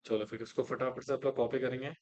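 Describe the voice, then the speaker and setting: A man's voice: mid-range voice, steady tone, fast talker, a little mellow, dull audio. A male teacher giving a classroom lecture in Hindi, often asking students questions and repeating the answers himself. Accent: Indian English.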